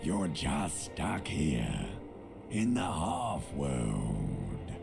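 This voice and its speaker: An actor voicing an ancient, brooding inner voice of the brain in a video game, slow and taunting, with a gravelly voice. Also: male voice, big pitch swings, music in the background, exaggerated voice. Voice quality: gravelly, very deep.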